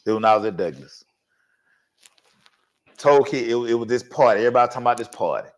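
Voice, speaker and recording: A man who once coached high school football, telling a story in casual, slangy sports talk and voicing the people in it. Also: fast talker. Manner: animated, slangy storytelling with voiced quotes. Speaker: sports talk show host.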